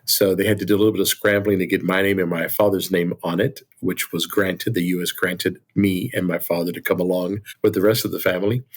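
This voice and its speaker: A man's voice: low voice, level tone, fairly quick, hardly any pauses. A middle-aged man from Cuba, a company president, telling his family's immigrant story in an earnest, grateful way. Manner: earnest, grateful, repeats words when starting a thought. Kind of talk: reflective storytelling interview. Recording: music bed underneath.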